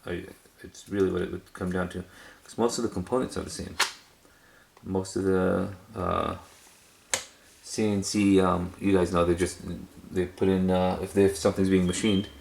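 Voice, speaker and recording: This cassette collector hosts a video, chatting hesitantly at a normal speed in a level, low, creaky voice. There's noise in the background, and his show-and-tell rambles along casually, with words repeated for emphasis.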